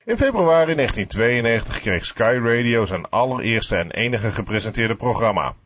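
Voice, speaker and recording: A man narrating a scripted radio history documentary as a podcast, with a husky voice. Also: medium pitch, animated, moderate pace, a bit bright, no room sound.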